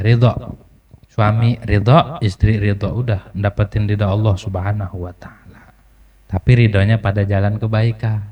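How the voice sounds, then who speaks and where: A man preaching a sermon, joking and telling lively stories with sudden high jumps in his voice. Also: distant mic. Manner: humorous, lively storytelling with sudden pitch jumps.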